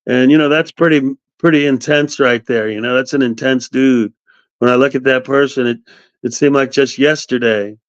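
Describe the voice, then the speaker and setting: Man in his fifties, animated storyteller, middle pitch, dry dull call audio. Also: normal speed, no echo. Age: 50s. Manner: animated storyteller, quotes others. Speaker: guest. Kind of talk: casual storytelling interview. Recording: dry, slightly dull sound.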